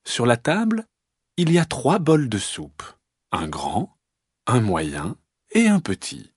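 A man reading a children's story aloud in an expressive, lilting storyteller's voice. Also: mid-range voice, slow, husky, dry recording, studio quality.

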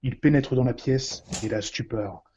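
A man's voice: mid-range voice, moderate pace, darkish tone, dull audio, faint music behind. A man narrating a mock-serious crime parody in a pompous, dramatic manner. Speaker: comedy narrator.

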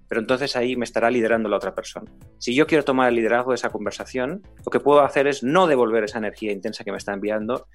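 A middle-aged man teaching communication in a measured explanatory talk. He poses rhetorical questions to his co-host. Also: mid-range voice. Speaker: communication trainer.

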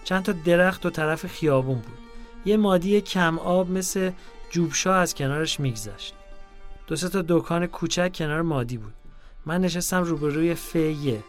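A man narrating a diary in a calm, measured reading voice. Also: on the high side, soft background music.

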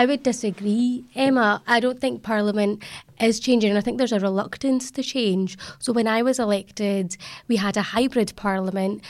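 A young woman with a broad Scottish accent, speaking as an elected politician on a discussion panel in an emphatic, plain-spoken way. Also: a little high. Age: young adult.

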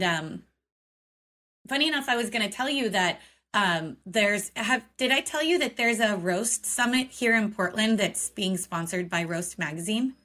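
A woman's voice: medium pitch, pushed and bright. A woman from Oregon co-hosting a coffee business podcast, chatting casually with many fillers and frequent laughs. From Oregon, United States. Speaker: podcast co-host. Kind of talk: casual chat. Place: home, forest view.

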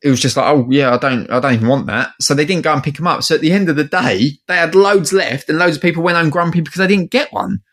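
A man's voice: fairly high pitch, fast talker, hardly any pauses, a bit bright. A man with an Essex accent chatting casually and colloquially, telling anecdotes in a matey way. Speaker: guest, toy collector. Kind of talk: casual chat.

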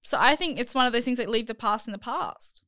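Aussie girl chatting on a podcast, giggly and full of likes, smooth higher voice. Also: fast talker, sharp tone, no room sound, clean studio sound. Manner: chatty, giggly, filler-heavy. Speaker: podcast co-host. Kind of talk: casual chat.

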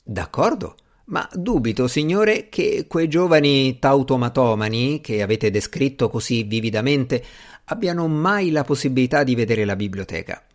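A man voicing a bored, aloof aristocratic gentleman in an audiobook, speaking in a languid, dismissive way. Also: mid-range voice, expressive, moderate pace, close to an everyday voice. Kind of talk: audiobook character reading.

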